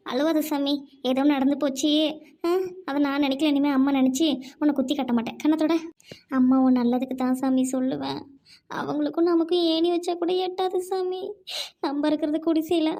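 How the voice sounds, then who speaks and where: A woman's voice: high-pitched, warm tone, natural voice. A woman playing a worried village mother who scolds her daughter with stern but loving emotion. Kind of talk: amateur audio drama.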